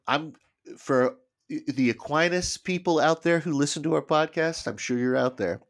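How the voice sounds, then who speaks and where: A man's voice: on the high side, moderate pace. A man co-hosting a casual podcast, tentatively explaining a book at length. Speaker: podcast co-host.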